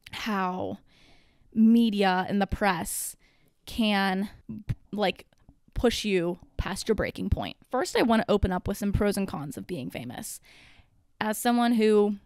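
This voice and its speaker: A woman's voice: medium pitch, clean tone, no room sound, studio quality. A young woman in her twenties hosting a casual solo podcast, rambling and chatty with plenty of fillers and the odd swear, a little out of breath. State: out of breath from caffeine. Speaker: podcast host.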